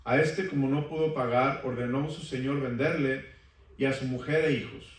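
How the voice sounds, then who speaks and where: A man's voice: mid-range voice, fairly even intonation, moderate pace. A male pastor preaching a sermon in a church, asking the congregation questions for them to answer back. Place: church sanctuary. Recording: echoey church from far off.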